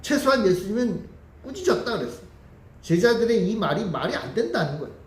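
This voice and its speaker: Very animated and brisk, a high-pitched male pastor preaches a Sunday sermon in the church sanctuary, speaking to the congregation and asking them questions. The recording carries the echo and faint ambience of the church hall.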